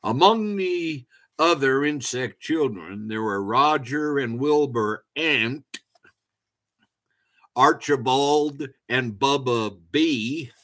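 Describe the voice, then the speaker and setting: Male storyteller reading a children's tale, slow and measured, mid-pitched. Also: lively intonation, a bit bright.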